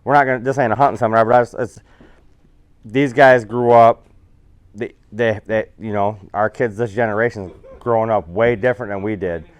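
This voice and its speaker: A man's voice: on the low side, fairly even intonation, brisk, clean tone, dry recording. A man giving a casual, rambling, folksy seminar talk about fishing to an audience. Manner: rambling, folksy, self-correcting.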